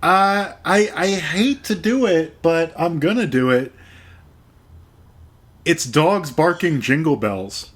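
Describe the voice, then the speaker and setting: Male co-host, unhurried dry delivery, pitch that rises and falls a lot. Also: expressive, a bit bright. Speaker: podcast co-host. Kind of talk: casual chat.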